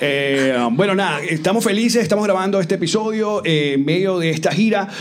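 A young man co-hosts a comedy podcast in front of a small live audience, rambling through jokes with plenty of fillers. His voice sits a little high. The recording has clear background noise. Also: fairly quick. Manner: joking, rambling with many fillers. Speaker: podcast co-host. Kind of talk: casual comedy podcast chat. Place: hotel room with a live audience.

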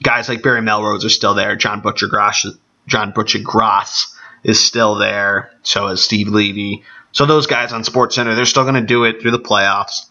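A man hosts a sports podcast alone in a casual, chatty way. His voice is on the low side and gravelly from allergies, with a bright, forceful edge. The recording is somewhat dull and lo-fi. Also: flat delivery, normal speed. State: congested with allergies. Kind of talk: casual solo podcast talk. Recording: dull, band-limited podcast audio.

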